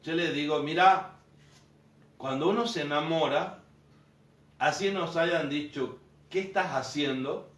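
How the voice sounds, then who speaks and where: A priest, giving an informal teaching talk to a group and telling stories with quoted dialogue. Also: male voice, a little high, a little slow, long pauses, fairly bright tone. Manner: storytelling, acting out quoted dialogue. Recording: echoey room, mic far off.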